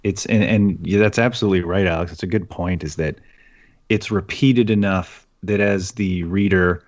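A man co-hosting a casual podcast talk about books, speaking in a thoughtful, measured way and checking for agreement. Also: low voice, steady tone, muffled recording. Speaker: podcast co-host discussing books. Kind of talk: casual chat.

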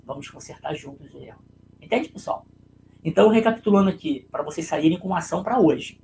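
A Brazilian man with a gravelly, creaky voice talks through a leadership lesson on a live stream. He tells a story in a loose, chatty way and keeps checking in with his listeners. A faint hum of room noise sits behind him. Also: fairly high pitch, expressive, fairly quick, warm tone, rough recording. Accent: Brazilian Portuguese. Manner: conversational, tag questions, storytelling.

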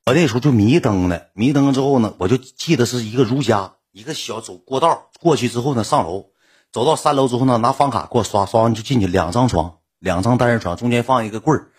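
A man with a Northeastern Mandarin accent telling a personal story in casual comic style, animated, acting out the quoted lines. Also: medium pitch, quick pace, breathy edge.

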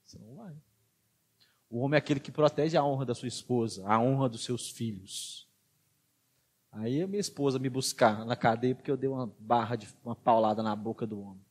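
A man with a Brazilian accent preaching a sermon as a pastor, swinging between hushed and forceful emphasis. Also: medium pitch, a little fast. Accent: Brazilian Portuguese.

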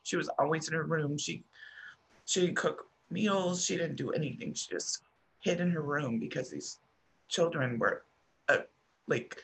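A middle-aged American woman telling a personal story as a podcast guest, halting and restarting often with soft trailing pauses. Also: low voice, vocal fry, husky. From United States.

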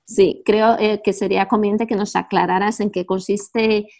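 A woman's voice: medium pitch, little pitch movement, normal speed, creaky, a little mellow. A woman from Spain hosting a radio interview, a teacher herself, speaking thoughtfully with many hesitations.

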